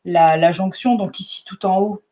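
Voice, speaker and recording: A woman hosting a live product demonstration for her shop, talking in an easy, chatty way. Her voice sits at a middle pitch, and she keeps up an enthusiastic flow peppered with small fillers. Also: fairly even intonation, dark tone. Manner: chatty, enthusiastic, fills pauses with "hop" and "euh". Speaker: shop owner presenting new products.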